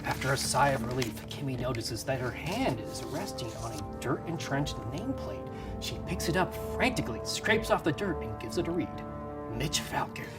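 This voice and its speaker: A man's voice: mid-range voice, very animated, moderate pace, over loud music. A man hosting a podcast, reading screenplay stage directions aloud and often breaking into laughter. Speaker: podcast host.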